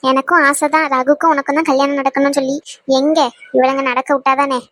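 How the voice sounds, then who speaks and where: A woman's voice: high-pitched, level tone, quick pace, a bit bright, no echo. A woman voicing a fussing, affectionate middle-aged mother of the bride in a cartoon. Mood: fussy.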